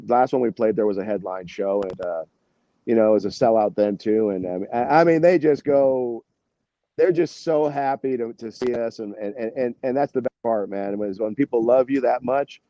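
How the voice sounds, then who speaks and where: Here an American musician guest chats in a rambling, informal style, peppered with "you know" and "man." He speaks at a normal speed in a mellow, medium-pitched voice with fairly even intonation; the audio lacks echo and has its highs cut off.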